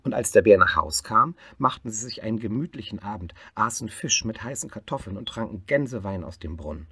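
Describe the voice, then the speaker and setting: A man reading a picture book aloud, lively and expressive. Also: on the low side, a little fast, slightly rough, no room sound. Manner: lively, expressive reading, swelling louder in happy parts. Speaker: storyteller.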